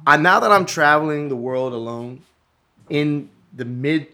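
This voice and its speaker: A man's voice: fairly high pitch, unhurried, sharp tone. A man in casual conversation, rambling through a story with lots of swearing and restarts. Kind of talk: casual chat.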